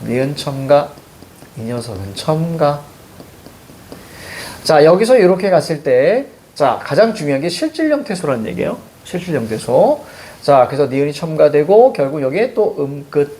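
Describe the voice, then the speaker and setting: Korean guy teaching grammar in class, lively up-and-down voice, a bit high, keeps saying "ja" to move on. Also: moderate pace. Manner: walks through pronunciation rules step by step, with frequent "자" prompts.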